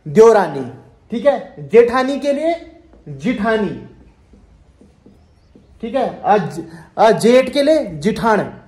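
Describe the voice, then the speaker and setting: A man's voice: high voice, big pitch swings, slow, long pauses, darkish tone. Man teaching words, echoey room. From Kumaon, Uttarakhand. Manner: repeats each word, quizzes the viewer. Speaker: language teacher. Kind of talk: spoken language lesson.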